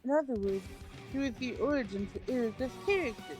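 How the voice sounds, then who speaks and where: A woman's voice: on the high side, a little fast, over music. A woman co-hosting a let's play, reading visual novel dialogue aloud. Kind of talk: scripted dialogue read aloud.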